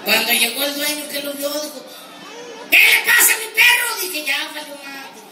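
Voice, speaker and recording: Brief: a Mexican ranch hand, shrill and cheeky, cracking raunchy jokes, recorded far off in a noisy live room with a crowd. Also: male voice, fairly even intonation, normal speed. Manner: high squeaky voice, bawdy punchlines, shouted outbursts. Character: naive boastful rural ranch hand, male. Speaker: stand-up comedian in character. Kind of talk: live comic monologue. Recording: roomy live venue from far off, crowd and noise.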